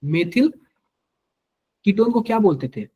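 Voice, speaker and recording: A man's voice: high voice, expressive, unhurried, mellow, husky. A man with a Hindi accent teaching chemistry to a live class, quizzing students and repeating each answer to drill it in.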